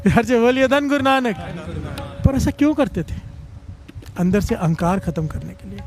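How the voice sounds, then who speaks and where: A man preaching a devotional storytelling sermon to a congregation, exhorting them to call and respond and rising in pitch as he urges them on. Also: normal speed, faint music behind. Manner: animated, rises in pitch on exhortations. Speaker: Sikh katha preacher. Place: religious gathering before a congregation.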